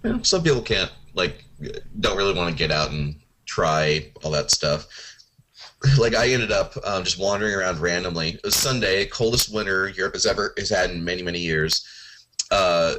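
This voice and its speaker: A man's voice: sits low, bright, forceful tone, a little hiss or hum, poor audio. A young man co-hosting a podcast, chatting casually about travel, laid-back, swearing and laughing often. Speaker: podcast co-host. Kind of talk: casual chat.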